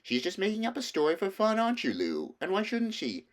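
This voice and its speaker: A man's voice: high voice, wildly swooping pitch, fairly quick, voice pushed up. Man voicing a hearty, patronizing schoolboy elder brother. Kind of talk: children's storybook reading.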